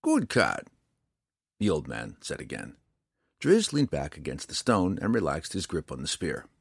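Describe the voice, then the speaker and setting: Deep husky male audiobook narrator. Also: moderate pace, dry recording, studio quality. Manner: expressive storytelling. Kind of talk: scripted fantasy novel narration.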